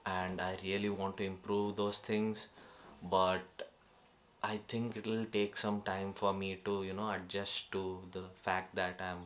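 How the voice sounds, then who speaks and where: A man's voice: sits low, little pitch movement, measured pace, a bit bright, a little hiss or hum. A young man talking casually to camera as a vlogger, hesitant and fumbling, with many fillers.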